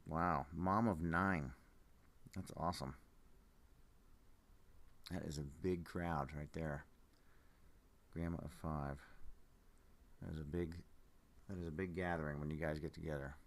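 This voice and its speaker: Groggy, low-voiced man chatting unhurriedly. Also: steady tone. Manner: unhurried, musing, trailing off mid-thought. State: groggy, just woke up. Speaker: live auction seller showing amber specimens. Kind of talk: casual livestream chat.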